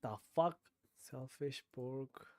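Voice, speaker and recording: A man's voice: medium pitch, steady tone, takes it slowly, warm tone, no echo. A man streaming a guessing game, thinking aloud with frequent swearing and sudden bursts of disbelief. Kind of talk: casual game commentary.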